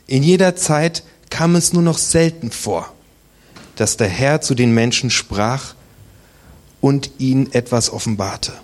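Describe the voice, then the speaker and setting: A man's voice: medium pitch, a little mellow. A man preaching a sermon, telling the story in a casual, colloquial way with personal asides.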